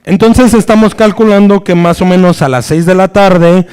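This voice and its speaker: A man preaching a sermon, slow and searching, pausing on restarts and checking in with his listeners, acting out the voices in the story. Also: clean tone. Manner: acts out quoted voices with sudden swings of pitch and loudness.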